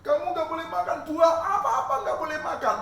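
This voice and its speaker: A man's voice: very high voice, fairly quick, vocal fry, sharp tone, pitched above the performer's own voice, full character voice. A man voicing a sly male serpent who tempts with coaxing, teasing questions, for children in a storytelling. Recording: echoey room, mic far off.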